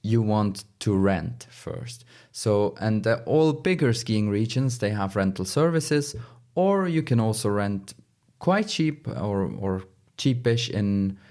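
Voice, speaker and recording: Low-voiced man, halting English. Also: lively intonation, a little mellow. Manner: halting, non-native English phrasing. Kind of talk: casual conversational advice.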